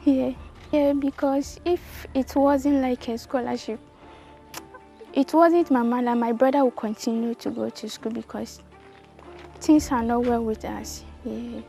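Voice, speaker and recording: A woman with a Ghanaian accent talks in an interview about her brother. Her voice sits high but mellow, and she speaks simply and gratefully. Faint music plays behind. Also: fairly even intonation, a little slow, vocal fry. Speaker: student's elder sister.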